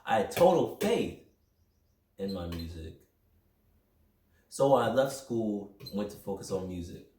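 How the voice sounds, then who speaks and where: A young man hosting a podcast, talking through a personal motivational monologue in an energetic, rambling, self-reflective way. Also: fairly low pitch, measured pace, pauses often. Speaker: podcast host. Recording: roomy echo, mic at a distance.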